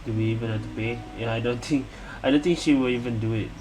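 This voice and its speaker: Over game music, a let's-play host comments casually and quickly in a steady, mid-range voice. The delivery is hesitant, with phrases frequently repeated during reactions, and the recording is rough.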